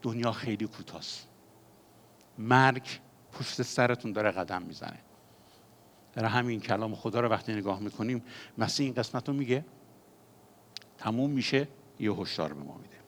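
A man preaching a sermon as pastor, moving between quiet confiding passages and loud, fervent exhortation. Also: fairly low pitch, pauses often, slight background noise.

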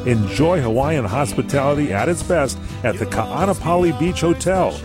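A man's voice: mid-range voice, animated, normal speed. A man reading scripted commercial narration with a polished promotional delivery. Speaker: advertisement announcer. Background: music.

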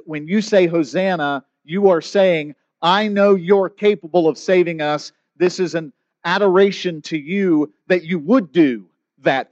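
A man's voice: a little high, darkish tone, dry recording. Conversational preaching man, dry dull sound. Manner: conversational preaching, acts out quoted voices. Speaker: pastor. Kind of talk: sermon.

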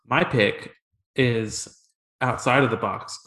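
A man's voice: mid-range voice, slow, pushed and bright. A man co-hosting a casual podcast chat, speaking with a strong room echo from a room in his new house, making short, laid-back, wry remarks. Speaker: podcast co-host, comic shop staff. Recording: echoey home room.

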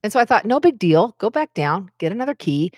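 A woman's voice: mid-range voice, sing-song, brisk, a little mellow, dry recording, clean studio sound. A woman hosting her own podcast, telling a personal story in a chatty, candid, self-deprecating way. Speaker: podcast host. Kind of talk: casual storytelling monologue.

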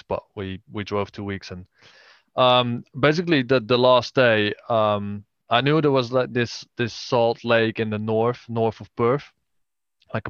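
A man giving a casual interview as a podcast guest, speaking haltingly with many hesitations. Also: lowish voice, a bit bright, clear, resonant tone, no echo, highs cut off. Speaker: podcast guest, travelling videographer and drone photographer.

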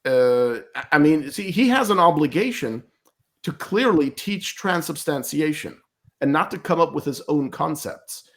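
He has a rather high, animated voice and an unhurried delivery, commenting as a guest in an interview. A native German speaker, he is emphatic and argumentative, repeating words as he searches for what to say.

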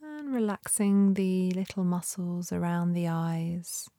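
Slow, soft-spoken woman guiding meditation. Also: fairly low pitch, fairly even intonation, no echo, clean studio sound. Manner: gentle, soothing, unhurried instruction with long pauses. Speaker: meditation guide. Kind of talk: guided meditation.

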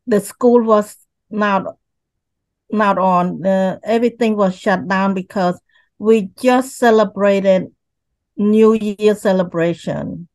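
An older woman from Cambodia with a Cambodian accent, slowly and haltingly telling her life story as a guest over a video call. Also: mid-range voice, steady tone, a little mellow, no room sound, rough recording. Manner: slow, halting, repeats words.

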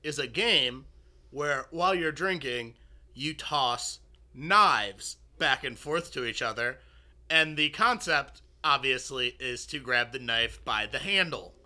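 A man co-hosting a podcast in casual chat, telling rambling, profane stories with quick asides. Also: medium pitch, lively intonation, sharp tone. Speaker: podcast co-host.

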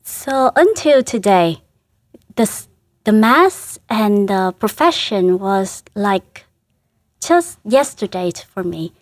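A woman from Vietnam, a Vietnamese native speaker with a Vietnamese accent, speaks as a religious sister in an interview, gently and earnestly, with frequent restarts and soft laughs. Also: mid-range voice, big pitch swings, slow, no echo, studio quality. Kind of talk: emotional personal reflection.

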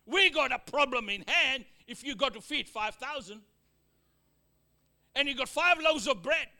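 With a Fijian accent and a very high, piercingly bright voice, a male preacher delivers his sermon expressively at a measured pace. He drops amens and call-outs to the congregation between points, adds joking asides, and shifts from loud proclamations down to near-murmurs.

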